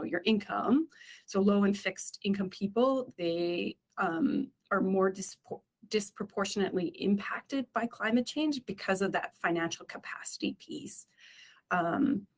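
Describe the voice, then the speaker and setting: Brief: woman, city staffer, measured and explanatory, fillers, council room. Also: medium pitch. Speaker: city climate staff presenter. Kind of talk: council meeting answer.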